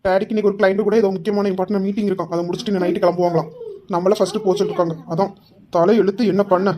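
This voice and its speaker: A woman performing a quick, bickering comedy skit. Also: medium pitch, little pitch movement, highs cut off. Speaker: sketch actor voicing several young men.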